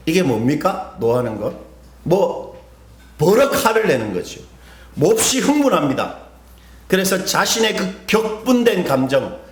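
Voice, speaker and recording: A middle-aged man preaching a sermon as pastor, in a conversational way, asking the congregation questions and telling stories about himself. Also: on the high side. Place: church hall. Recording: echoey room.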